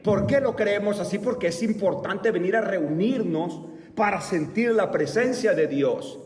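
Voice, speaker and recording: A man in his fifties teaching a church Bible class, speaking deliberately and asking the class rhetorical questions. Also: high-pitched, lively intonation, a little mellow. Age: 50s. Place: church meeting room. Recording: echoey hall, mic far off.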